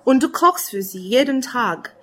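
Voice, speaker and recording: A woman's voice: fairly high pitch, lively intonation. Woman reading spoken-word poetry. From Romania. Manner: measured, earnest, second-person address.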